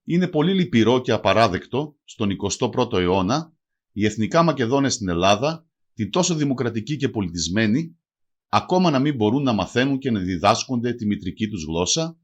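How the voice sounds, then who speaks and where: A man narrates a language lesson from a prepared script, his voice sitting at an ordinary pitch for a man. His delivery moves up and down lively through each phrase. He slows right down to spell out example words with care. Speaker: language teacher.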